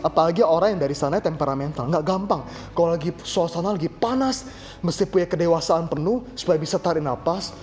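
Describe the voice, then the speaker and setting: A man's voice: a little high, darkish tone. A young man preaching a sermon in an easygoing, chatty way, full of rhetorical questions and slang.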